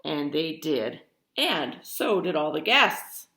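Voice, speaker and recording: Reading a picture book aloud to children, a woman uses a bright, very animated voice that is low-pitched and slow. She's theatrical and emphatic, dropping in chatty asides as she goes.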